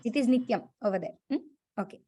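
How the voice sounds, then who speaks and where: A woman with a high voice and an Indian accent leads an interactive lesson as the teacher. She prompts students, corrects them and repeats key words. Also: fast talker, dark tone, no echo, muffled recording. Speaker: Sanskrit teacher.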